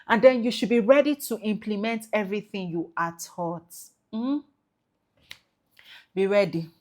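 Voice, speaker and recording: A Nigerian woman, an export business trainer, giving an emphatic promotional talk and checking in with "okay?" and "right?" as she goes. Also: mid-range voice. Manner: emphatic, repeats tag questions like okay and right; mixes in Nigerian Pidgin phrases. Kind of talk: promotional talk to prospective students.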